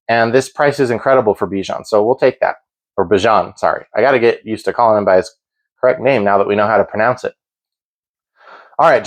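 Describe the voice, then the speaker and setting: A man hosting a sports betting show, giving informal, opinionated commentary in a conversational way. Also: mid-range voice.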